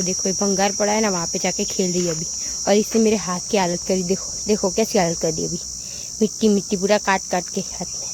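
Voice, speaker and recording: Crickets and outdoor noise fill the background as a woman vlogs casually about her dog. Between remarks to her viewers she repeats "look, look" and keeps scolding the dog in sharp, high-pitched calls.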